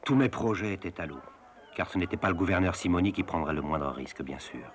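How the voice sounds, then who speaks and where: An actor giving a grave, reflective first-person voice-over as an adventurer. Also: male voice, sits low, lively intonation, fast. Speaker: narrator.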